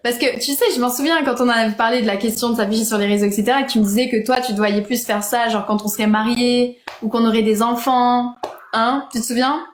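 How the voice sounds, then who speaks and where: A woman's voice: a little high, steady tone, quick pace. A young woman chatting casually on a live stream, often seeking agreement with little tag questions, in a roomy, noisy recording. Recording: roomy, echoing, noisy pickup.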